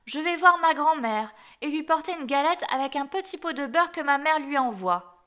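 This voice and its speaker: A woman's voice: high voice, expressive, moderate pace, bright, forceful tone, pitched above the performer's own voice. A woman voicing an innocent little village girl in a storybook, speaking eagerly.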